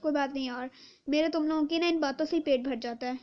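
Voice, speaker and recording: Woman doing a weary soft-spoken dad, lowered voice still quite high, calm, dull lo-fi sound. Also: quick pace, lightly acted. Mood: gentle. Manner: weary, placating. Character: tired gentle father, soft-spoken man.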